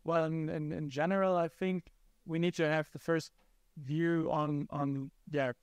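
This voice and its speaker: Halting male panelist. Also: on the high side, level tone, clear, resonant tone, dry recording. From Germany. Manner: halting, repeats words. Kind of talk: conference panel answer.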